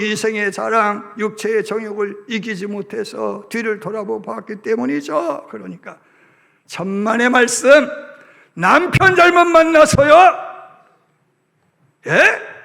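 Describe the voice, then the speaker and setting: A male pastor, preaching a sermon as animated storytelling that acts out voices. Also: high-pitched, vocal fry. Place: church sanctuary. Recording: reverberant church sanctuary.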